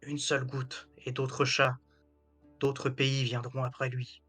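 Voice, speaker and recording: Give the tabletop game an ancient feline god of the underworld, acted out by a man. He is solemn and grave, speaking from beyond the tomb in a deep, deliberate manner, with faint music underneath. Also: completely flat delivery, fairly bright tone, breathy edge. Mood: solemn, measured. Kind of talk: tabletop role-play acting.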